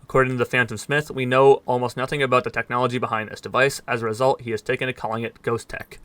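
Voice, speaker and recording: Fast, bright-voiced man reading game text. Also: medium pitch, little pitch movement, no echo. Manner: fast, slightly stumbling reading with dry asides. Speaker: gaming let's player.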